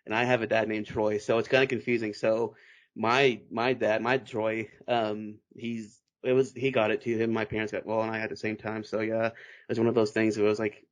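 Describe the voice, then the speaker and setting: A man's voice: fairly low pitch, flat delivery, a little fast. A man in his twenties from Texas, hosting a casual podcast chat and laughing often. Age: 20s. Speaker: podcast host.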